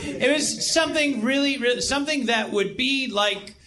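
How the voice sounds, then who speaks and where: Casting: high-pitched, bright-toned man, casual comic storyteller, indignant, sweary, sarcastic. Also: normal speed. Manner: profane, indignant.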